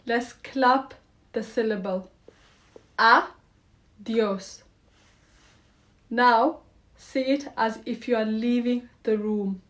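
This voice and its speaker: A woman teaching a scripted classroom lesson to young children, giving slow, clearly paced instructions and upbeat, encouraging prompts. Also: on the high side, steady tone. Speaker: primary school teacher.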